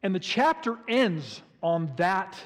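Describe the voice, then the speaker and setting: A pastor preaching a sermon, telling the story in an animated way with frequent restarts. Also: male voice, high voice, slow. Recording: reverberant hall.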